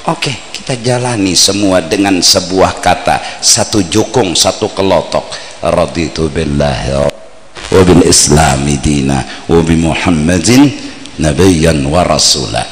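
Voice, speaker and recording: A man with a Banjar accent preaching a mosque sermon, swinging between playful shouts and low earnest asides, heard on an old worn tape recording. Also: unhurried, in a large hall, a little hiss or hum.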